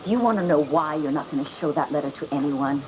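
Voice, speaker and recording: A woman's voice: low-pitched, quick pace, natural voice, rough recording. An actress playing a cold, manipulative woman who threatens and belittles a younger woman in a soap opera. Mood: menacing. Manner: icy, condescending, threatening. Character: cold scheming manipulative woman, menacing and commanding. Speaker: scheming woman using a false name. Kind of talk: 1980s soap opera acting. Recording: TV soap audio with loud music.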